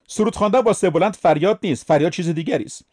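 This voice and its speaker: A man's voice: high-pitched, darkish tone. A man preaching a sermon, speaking emphatically and putting questions to his listeners.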